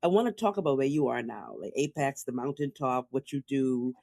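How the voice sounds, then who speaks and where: A woman's voice: a bass voice, expressive, fairly quick, creaky, dark tone. A woman hosting a podcast interview, asking her guest questions with enthusiasm over a video call. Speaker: podcast host.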